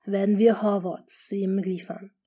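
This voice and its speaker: A woman voicing a scheming noble duke in an audiobook, speaking smoothly and often in a hushed, half-whispered tone. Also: medium pitch, flat delivery, close to an everyday voice. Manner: smooth, measured. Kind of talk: audiobook character reading.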